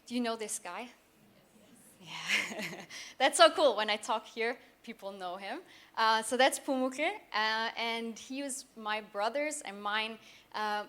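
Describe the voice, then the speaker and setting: A young woman from southeast Austria giving a conference talk as a company founder, often pausing with fillers and restarting her sentences. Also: fairly high pitch, a bit bright. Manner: hesitant, many fillers and restarts.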